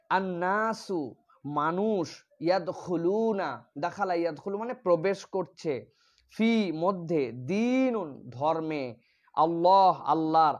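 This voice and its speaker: A man teaching Quran pronunciation and tafsir, drawing out Arabic words loudly, then explaining more quietly. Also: on the high side, muffled recording.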